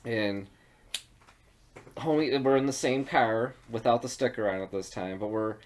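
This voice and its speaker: A man tells a long story in casual podcast chat. His delivery is loose and rambling, full of swearing and laughter. His pitch sits in an ordinary middle range. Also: measured pace, a little hiss or hum. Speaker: podcast co-host.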